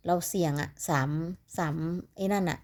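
Woman, Isan accent, lower-pitched voice, rambling casual chat, sleepy, lottery tips for viewers. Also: normal speed, darkish tone. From Northeastern Thailand (Isan). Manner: chatty, rambling, calls viewers "little siblings". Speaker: lottery number tipster.

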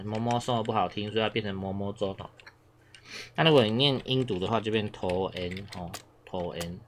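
Man, low voice, chatty Japanese teacher, repeats himself, coughs, noisy background with keyboard clicks. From Taiwan. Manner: chatty, repeats himself, many filler sounds. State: coughing now and then. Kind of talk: casual language lesson.

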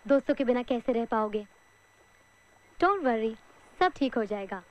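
A woman's voice: on the high side, unhurried, poor audio. An actress playing an emotional young woman student who cares for her friend, in film dialogue. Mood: caring. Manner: animated, emotional.

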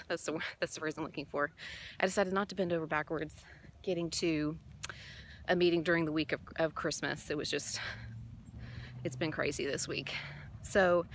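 Woman, thirties, lower voice, chatty walk-and-talk vlogger on a phone mic, with audible traffic around her. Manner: chatty, searches for words mid-sentence; talking while walking. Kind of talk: casual walk-and-talk vlog. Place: outdoors on a suburban street. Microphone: phone held at arm's length, earbud mic. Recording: outdoor street noise, passing cars.

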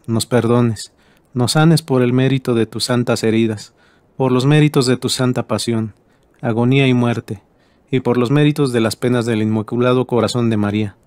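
A man leading a recited rosary in a steady, measured prayer voice. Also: medium pitch, dry recording. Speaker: prayer leader.

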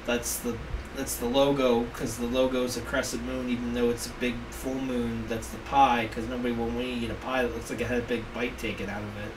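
A man co-hosting a video game playthrough, joking and bantering casually while he plays, often cursing and getting loudly excited. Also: mid-range voice, brisk, noisy background. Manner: goofy, excitable, swears freely. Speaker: let's play co-host. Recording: distant voice over game music. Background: game music.

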